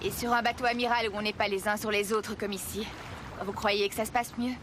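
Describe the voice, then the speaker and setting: An actress in a dubbed TV drama playing an outspoken, resentful navy officer with a pointed delivery. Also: female voice, medium pitch, little pitch movement, fairly quick, lightly acted. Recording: clear boat and water noise.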